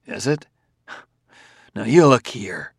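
A man voicing a weary, irritable male detective who talks curtly and forcefully. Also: on the low side, very animated, takes it slowly, vocal fry, husky, no room sound, clean studio sound, heavily acted. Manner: curt, forceful.

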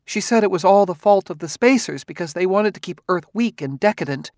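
A man's voice: sits high, animated, a little fast, darkish tone, no room sound, clean studio sound, pitched above the performer's own voice. A man reading an audiobook, voicing a chatty, anxious middle-aged wife who rambles on in a raised voice. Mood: rambling.

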